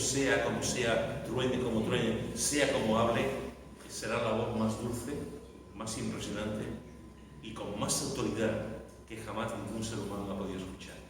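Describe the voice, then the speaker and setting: A male pastor preaches in a big echoing church hall, caught by a mic set well away him. He repeats his lines and bursts into loud cries for emphasis. Faint room noise hangs behind the long reverb. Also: lowish voice. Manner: dramatic, repeating phrases, shouting for emphasis. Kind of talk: sermon. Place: large echoey church hall. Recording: echoey hall recorded from far off.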